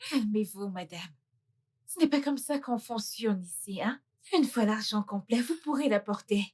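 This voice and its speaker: An actress playing a firm female doctor who calmly refuses to help in a dubbed film. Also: on the high side, lightly acted. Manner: calm, slow and unmoved.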